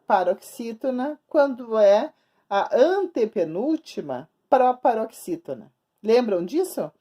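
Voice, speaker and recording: A woman teacher records a lesson for young children at her screen, talking while she writes things up. She is patient and repeats herself a lot, drawing words out slowly syllable by syllable. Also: fairly high pitch, warm tone. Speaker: schoolteacher. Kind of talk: remote grammar lesson for children. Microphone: recording at a screen, writing on the board while talking.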